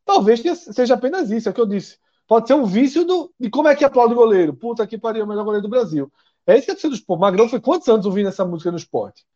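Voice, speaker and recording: A man's voice: very high-pitched, lively intonation, rapid-fire, few pauses, dark tone. A man from Brazil hosting a live football talk stream, disagreeing often and reading out chat comments. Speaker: sports show host. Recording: dull lo-fi audio.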